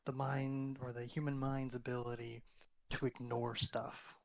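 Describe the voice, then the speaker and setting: A man thinks out loud as a guest in a casual book chat, leaning on fillers and frequent checks for agreement. His mic sounds dull and lo-fi. A faint noise runs underneath. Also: medium pitch, little pitch movement, a little slow, gravelly. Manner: thoughtful, filler-heavy, asks for agreement with "right". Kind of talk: casual discussion.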